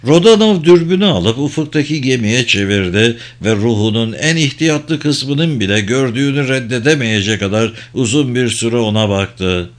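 A man narrating an adventure novel as an audiobook, in a steady, measured storytelling voice. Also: medium pitch.

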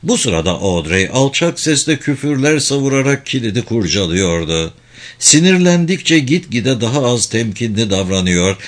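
A man narrating an audiobook in a measured, expressive reading voice. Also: mid-range voice.

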